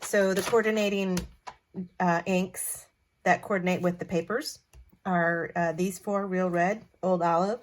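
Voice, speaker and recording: Chatty woman with a low voice. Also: steady tone, measured pace. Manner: chatty and friendly, with fillers and self-corrections. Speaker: card-making tutorial host. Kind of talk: casual craft tutorial.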